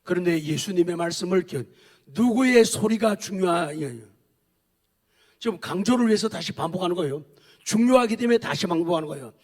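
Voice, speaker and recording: Emphatic high-voiced male preacher. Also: animated, a little fast. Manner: emphatic, repetitive, with sudden swings from loud to soft. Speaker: pastor. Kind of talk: sermon.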